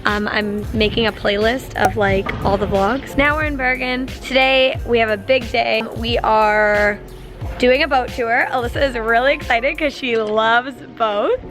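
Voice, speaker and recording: A bubbly young woman in her twenties chats to camera as a travel vlogger, her voice sitting fairly high. She talks in quick, excited bursts, and music plays underneath. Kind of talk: casual vlog chat. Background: background music.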